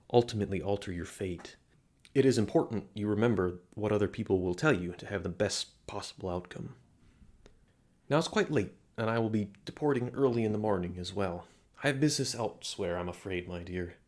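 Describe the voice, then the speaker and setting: Speaking on the low side with a light touch of acting, a man voices a flirty, showy palm reader at a fantasy inn. His courtly, coaxing words are aimed at the listener in an intimate audio roleplay, and the mood is wistful.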